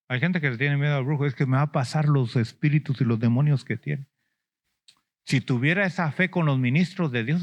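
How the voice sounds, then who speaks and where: Speaking as an apostle, this man delivers a sermon in a somewhat high, slightly bright voice. He puts questions to the congregation, prompts them with "mm?" and "ujú," and mimics complaining believers with a whiny tone.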